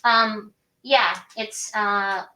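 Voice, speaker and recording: A woman's voice: medium pitch, fairly even intonation, drawn-out words, sharp tone. A woman giving an upbeat, encouraging pre-show pep talk to her cast over a video call. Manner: upbeat and encouraging, trails into fillers. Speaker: theatre director. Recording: echoey room.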